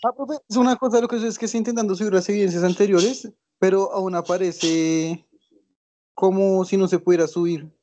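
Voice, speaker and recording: A man speaks from an online class, his voice high and mellow. The muffled video-call audio dulls him as he asks polite, hurried questions. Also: steady tone. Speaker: student. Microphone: computer mic on a video call.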